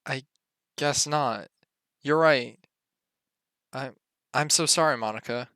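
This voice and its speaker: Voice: medium pitch, takes it slowly, sharp tone, no room sound. A performer reading the part of a desperate teenage girl who begs and apologizes, in a live-streamed script read-through. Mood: remorseful. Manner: pleading and apologetic.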